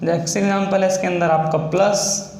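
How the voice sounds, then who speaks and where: A man teaching a shorthand lesson, slowly and patiently spelling out each sound step by step. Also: high voice, steady tone, darkish tone. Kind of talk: classroom-style lesson. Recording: echoey room with faint ambient noise.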